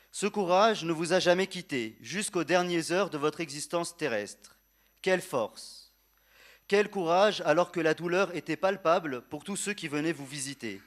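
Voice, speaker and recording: A man delivers a prepared funeral eulogy addressed to the deceased, in solemn, measured and tender oratory with repeated phrases and quiet grief. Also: on the high side.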